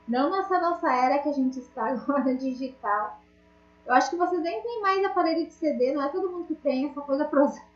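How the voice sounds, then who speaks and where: A high-pitched woman talks fast while teaching an online class, chatty and sprinkling in small jokes as she speaks directly to her students. The call sounds dull and lo-fi, with a roomy echo.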